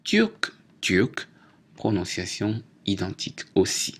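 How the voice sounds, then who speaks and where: A man teaching a French lesson, slowly reading word pairs aloud, spelling out endings and correcting himself. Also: on the low side, very animated, slight background noise. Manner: deliberate, spells out and repeats words; self-corrects mid-list. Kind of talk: slow, careful language lesson.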